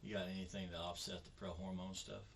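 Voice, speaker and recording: A man detective questioning a suspect in a calm, conversational, probing way. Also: deep voice, fast, vocal fry, a little hiss or hum. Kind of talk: police interrogation questions.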